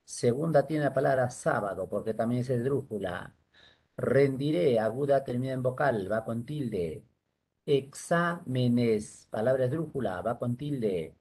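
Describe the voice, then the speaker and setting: A man's voice: medium pitch, warm tone, slightly rough. A male teacher giving an online lesson on rules, patiently spelling words out syllable by syllable.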